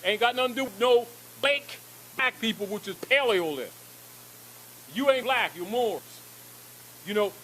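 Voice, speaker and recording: Man, lecturer, emphatic, preachy, rhetorical questions, somewhat high voice. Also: a bit bright, a little hiss or hum, poor audio.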